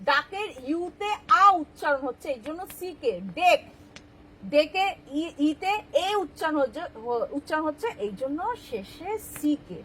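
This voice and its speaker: A woman's voice: high voice, lively intonation, measured pace, slight background noise, poor audio. A woman teaching English spelling rules, patiently explaining and checking that the class understands.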